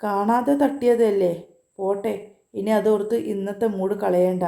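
A loving young man with a mischievous, gently teasing way of talking, voiced by a woman narrating a story. The tone is very dark and mellow, and the reading carries a roomy echo. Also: medium pitch, fairly even intonation, a little slow, vocal fry.

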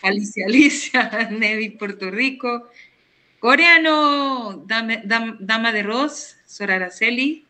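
A woman chatting on a live stream, reading out comments from viewers. Her voice is bright and a little high, and her speech is slow and drawn out. She laughs easily as she talks. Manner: laughs often, plays with a put-on Cuban voice and English.

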